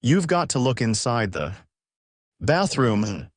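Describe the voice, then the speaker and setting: A man's voice: mid-range voice, sing-song, slow pace, no room sound, clean studio sound. A man voicing a frightened young boy, anxious and pleading, in a storybook reading. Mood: scared pleading.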